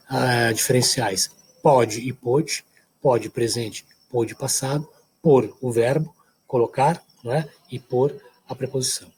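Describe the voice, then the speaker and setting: A man's voice: medium pitch, a little mellow, husky. A man from São Paulo, with a São Paulo accent, giving a recorded university lecture and checking in often with short tag questions. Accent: Brazilian Portuguese, São Paulo. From São Paulo, Brazil. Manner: explanatory, checks in often with "tá certo?" and "né?".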